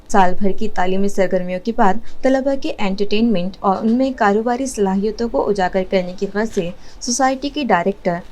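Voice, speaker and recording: A woman anchor reading an Urdu news bulletin in a formal, steady newsreader manner with an Indian Urdu accent. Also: mid-range voice. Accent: Urdu as spoken in India.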